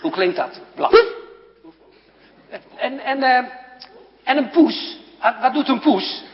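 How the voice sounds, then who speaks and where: Playful man quizzing children, lively pitch. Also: slow pace. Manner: playful, questioning, often laughing. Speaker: leader of a children's moment in church. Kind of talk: talking with children in a service. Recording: echoey hall, dull lo-fi sound.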